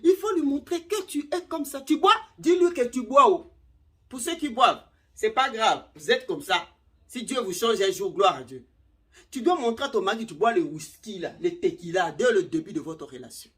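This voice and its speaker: A middle-aged woman giving casual relationship advice to camera, animated, acting out little scenes and repeating words. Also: a little high, normal speed.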